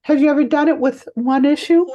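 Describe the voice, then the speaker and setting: A woman energy healer guiding a client in a healing session, talking in a soothing, reassuring way with halting restarts. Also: sits high, steady tone, highs cut off.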